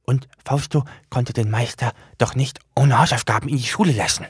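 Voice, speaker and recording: A man's voice: mid-range voice, moderate pace, breathy edge, dry recording, clean studio sound, voice pushed up. A man voicing a timid, fussy little male book demon who talks about himself in the third person with formal, anxious earnestness. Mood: guilty. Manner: formal, anxious, rule-bound.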